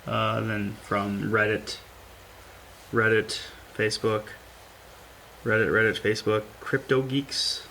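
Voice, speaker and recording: A man's voice: on the low side, flat delivery, creaky, bright, forceful tone, slight background noise, low-quality recording. Man hosting a podcast, thinking aloud. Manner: halting, filler-heavy, thinking aloud. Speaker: podcast host. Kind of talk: casual chat.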